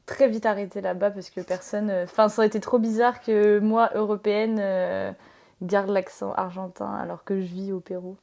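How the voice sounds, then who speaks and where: A woman's voice: mid-range voice, fairly even intonation, moderate pace, creaky, mellow. A young woman from France, a tattoo artist and podcast guest, chatting casually and rambling with lots of filler sounds.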